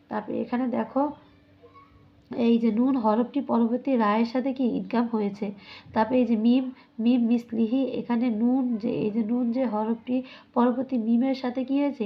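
A woman teaching a lesson from a textbook, slightly high-pitched, asking questions and answering them herself. She stretches sounds out as she demonstrates them. The recording is muffled and lo-fi. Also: vocal fry. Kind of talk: classroom lesson explaining a textbook.

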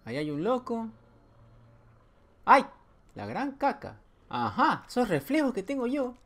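A man's voice: very high voice, huge pitch swings, normal speed. A man commenting his way through a horror video game, joking, talking back to the game and letting out sudden yelps. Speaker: gameplay streamer. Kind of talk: playthrough commentary.

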